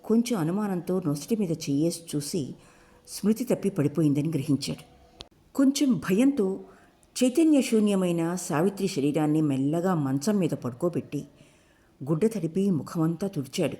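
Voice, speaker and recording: Audiobook narrator, woman, warm low voice, steady measured delivery. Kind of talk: scripted narration.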